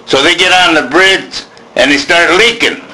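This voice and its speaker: Male joke teller, bawdy and folksy, bright and slightly high-pitched voice, smutty storytelling with acted dialogue. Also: moderate pace, low-quality recording. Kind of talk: telling dirty jokes, drawn-out storytelling with acted dialogue.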